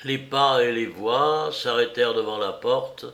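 A man reading a novel aloud as narrator, with slow, dramatic storytelling. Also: mid-range voice, fairly bright tone. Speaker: audiobook reader. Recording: roomy echo.

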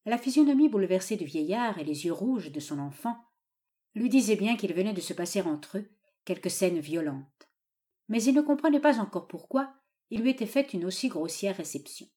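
A woman narrates a classic novel for an audiobook. Her delivery is steady and measured. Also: mid-range voice.

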